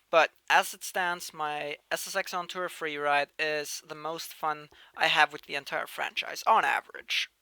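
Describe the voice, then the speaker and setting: Speaking as a channel host, a Norwegian man in his late teens chats through viewer questions in a casual Q&A monologue, frequently starting phrases over and stressing words in bursts with lively loudness shifts. His fairly high voice has a clean tone, and the recording is dry.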